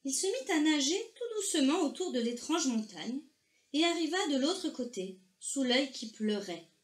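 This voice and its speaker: A woman reading a children's story aloud, slow, gentle and expressive. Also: high-pitched. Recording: echoey room, faint noise.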